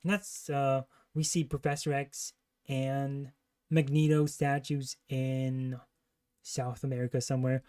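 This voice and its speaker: A man's voice: medium pitch, little pitch movement, measured pace, a little mellow. Guy on a livestream casually picking apart a trailer, pretty critical, regular mid-range voice. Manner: critical, disparaging. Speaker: livestream reaction host. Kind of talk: casual live commentary on a trailer.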